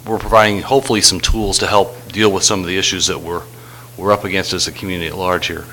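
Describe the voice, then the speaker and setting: A man delivers a formal staff presentation in a low but bright, forceful voice. He moves haltingly, often pausing to find his next phrase. Faint noise sits behind him. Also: steady tone. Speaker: city staff director presenting. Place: public meeting room. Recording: faintly noisy meeting room recording.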